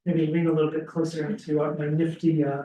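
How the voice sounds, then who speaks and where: A man, a school dean, giving a relaxed information session to prospective students, with frequent ums and restarts, heard through a laptop webcam on a video call. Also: a little high, a little fast, a little hiss or hum. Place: classroom with audience, also streamed on a video call. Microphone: laptop webcam some distance away. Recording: roomy, distant webcam audio.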